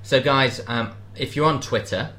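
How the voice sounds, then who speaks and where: A British man co-hosting a casual podcast, joking and cheeky in a fast, chatty way. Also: mid-range voice, bright, forceful tone. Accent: British English. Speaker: podcast co-host. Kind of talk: casual chat.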